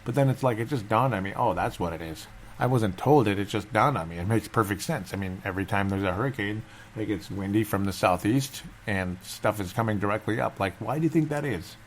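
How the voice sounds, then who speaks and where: A man's voice: lowish voice, fairly quick, a little hiss or hum. A man hosting a casual solo sports fan show in a subdued, held-back voice, as if not to wake anyone, rambling and repeating himself.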